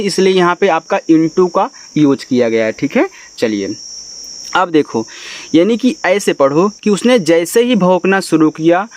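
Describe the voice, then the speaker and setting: A man teaching an English reading lesson, spelling words out letter by letter and explaining them slowly. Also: high-pitched, a little mellow. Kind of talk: spoken language lesson.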